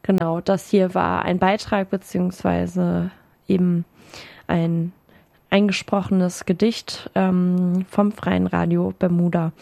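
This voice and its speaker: A woman presenting a community radio feature, reading a scripted announcement in a steady manner with occasional filler sounds. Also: on the low side, takes it slowly, vocal fry, no room sound.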